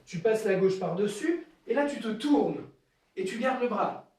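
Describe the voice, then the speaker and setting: A man teaching an online karate class, calling counts and kiai shouts between slow explanations. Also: high voice, lively intonation. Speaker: karate instructor. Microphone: camera at a distance. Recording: echoey room, voice far from the mic.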